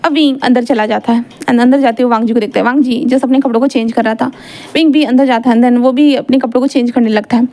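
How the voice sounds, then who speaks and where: High mellow storyteller woman. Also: steady tone, fast. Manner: chatty, mixes English words into Hindi narration. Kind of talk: casual retelling of fan fiction.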